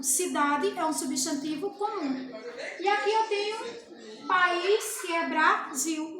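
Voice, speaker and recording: A woman's voice: extremely high pitch, a bit bright. A woman teaching a grammar lesson to children, patiently explaining and answering her own questions. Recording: echoey room with clear background noise.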